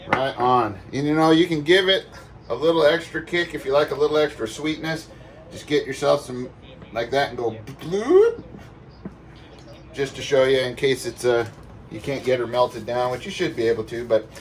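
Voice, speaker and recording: A home cook with a mid-range voice presents a cook-along, walking viewers through a recipe in a casual, folksy, playful way full of sound words and exclamations. The mic is distant, with faint background noise.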